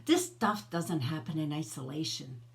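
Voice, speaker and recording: A woman's voice: deep voice, animated, normal speed. A middle-aged woman hosting her own personal growth channel, talking casually to camera in a conversational, coaching way and asking the viewer questions.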